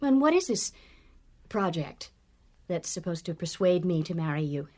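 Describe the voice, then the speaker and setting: An actress playing a proud, defiant young princess in a space-opera radio drama, with a haughty, cutting delivery. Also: female voice, lowish voice, sing-song, normal speed, mellow. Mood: scornful.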